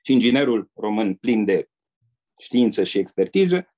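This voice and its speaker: Older man, warm husky storyteller. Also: lowish voice, sing-song. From Romania. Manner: measured storyteller who acts out quoted people. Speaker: guest, retired diplomat. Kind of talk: anecdotal interview storytelling.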